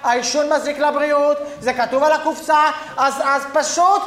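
A man performing a comedy sketch, ranting in paranoid, escalating bursts that build to shouting. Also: very high voice, fairly even intonation, echoey room.

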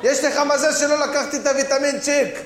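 Very high-voiced man shouting insults. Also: steady tone, reverberant, in a large hall, a little hiss or hum. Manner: hot-tempered, insulting, shouting. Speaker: comedian. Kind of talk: live comedy sketch.

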